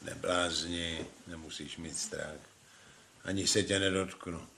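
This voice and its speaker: A gravelly, sneering bully of a husband. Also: male voice, medium pitch, expressive, bright, forceful tone, reverberant, a little hiss or hum. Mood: menacing. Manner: sneering, contemptuous. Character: bullying middle-aged husband, contemptuous and menacing.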